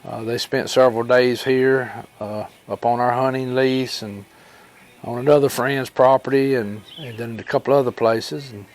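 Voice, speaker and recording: Here a homesteading channel host from Alabama spins personal yarns in his Southern rural drawl, his mid-range voice keeping a fairly even intonation. The telling is casual and meandering, like talk by a fire, with frequent pauses and quoted dialogue from the people involved.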